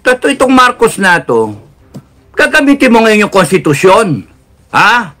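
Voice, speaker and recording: A man with a Filipino accent giving a heated political rant, mixing Tagalog and English, swinging from loud outbursts to low, controlled intensity. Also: big pitch swings, unhurried, soft background music. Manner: heated, swings between shouting and lowered intensity. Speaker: political commentator.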